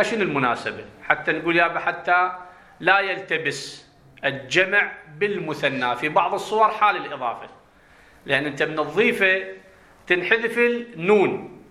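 A man with an Iraqi Arabic accent teaches a grammar class in a voice that sits a little high and rings bright and forceful. He explains patiently, circling back to restate each point and asking his students whether it is clear. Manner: explanatory, repeats points and checks understanding.

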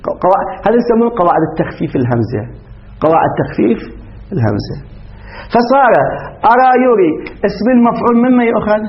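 Quick high-voiced man teaching grammar. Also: animated, slight background noise. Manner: quick, questioning the class, laughs often. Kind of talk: Arabic grammar lesson. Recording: dull lo-fi classroom recording.

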